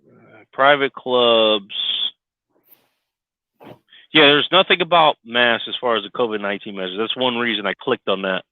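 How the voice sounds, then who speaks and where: A middle-aged man with a mid-range voice rants at a moderate pace, pausing often, in a casual podcast talk. He's sarcastic, swears nonstop, and becomes loud and fired up. With no echo, his tinny lo-fi headset makes him sound like he's on a CB radio.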